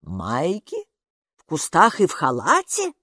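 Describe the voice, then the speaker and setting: Woman voicing a brisk nosy neighbor lady. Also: low-pitched, wildly swooping pitch, fairly bright tone, no echo, studio quality, exaggerated voice.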